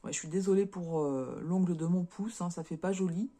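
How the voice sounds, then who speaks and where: A woman's voice: fairly low pitch, a little fast, dark tone. A French woman chatting casually as a craft vlogger, showing and unboxing cross-stitch kits, with lots of fillers and repeated words.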